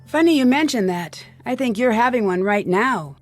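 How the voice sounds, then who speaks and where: A woman's voice: on the high side, lively intonation, moderate pace, soft background music. A woman playing a curious, polite young female detective in a video game, with an inquisitive way of talking. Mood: puzzled.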